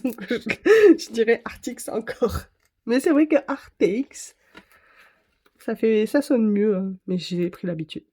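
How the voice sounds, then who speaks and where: Woman, casual vlogger, mellow warm tone, rambling, self-correcting, chatty. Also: medium pitch. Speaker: craft vlogger. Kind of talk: casual chat to camera.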